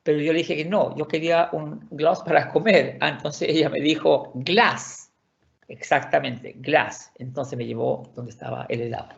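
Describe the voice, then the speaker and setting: Man, online language teacher, patient, repetitive explainer; gravelly, dull lo-fi recording. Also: fairly high pitch, fairly even intonation, a little fast, hardly any pauses. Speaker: Swedish teacher. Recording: dull lo-fi audio.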